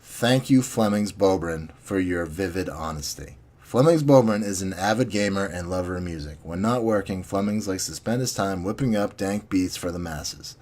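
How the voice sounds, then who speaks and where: A man's voice: deep voice, lively intonation, moderate pace, darkish tone. A man hosting a small magazine's podcast, chatting casually, swearing now and then, and reading listener submissions and poems aloud. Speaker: magazine host.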